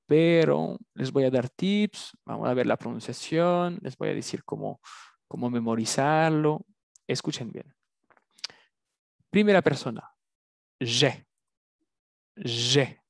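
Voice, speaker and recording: A man teaching a language lesson, drilling words slowly and patiently. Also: fairly high pitch, gravelly, a little mellow, no echo, studio quality. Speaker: French teacher.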